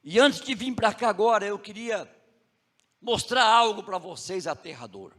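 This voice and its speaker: A man's voice: high voice, normal speed, big-room sound. A male pastor with a Brazilian Portuguese accent preaching a sermon, telling a story and putting emphatic questions to the congregation. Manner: animated, emphatic, asks the audience questions.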